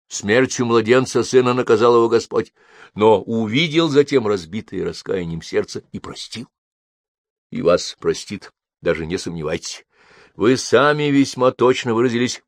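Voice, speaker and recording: A male audiobook reader voicing a gentle, forgiving older doctor who speaks tenderly and urges kindly, in a lifted voice above his own low tone. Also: no room sound, natural voice. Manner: tender, fatherly, gently urging. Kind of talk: audiobook character voice.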